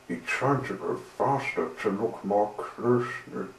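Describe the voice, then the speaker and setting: A man reading a children's train story aloud in an unhurried, gentle storytelling manner. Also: lowish voice. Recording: roomy with faint hiss.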